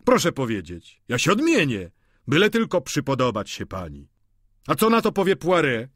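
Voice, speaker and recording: Man voicing a loud, cocky joker. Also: a little high, huge pitch swings, normal speed, no room sound, clean studio sound, pitched above the performer's own voice, heavily acted. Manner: loud, jovial banter. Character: brash, witty male boarder, cocky and mocking. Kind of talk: audiobook character reading.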